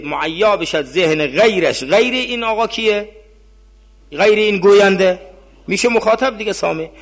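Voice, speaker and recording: A man's voice: on the high side, creaky, a bit bright. A man teaching a class. He reads out Arabic phrases, explains them in Persian and puts questions to his students. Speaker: seminary teacher.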